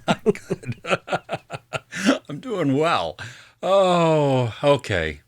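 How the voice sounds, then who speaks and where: Laid-back male podcast co-host, expressive pitch, casual. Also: extremely slow. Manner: laid-back, chuckles often. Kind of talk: casual chat.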